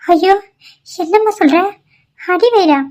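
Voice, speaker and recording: A woman's voice: high-pitched, steady tone, normal speed, darkish tone, lightly acted. A woman voicing an anxious, caring middle-aged mother-in-law in a cartoon, soothing and fretful by turns. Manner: soothing, fretful, calls on god. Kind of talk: cartoon voice acting.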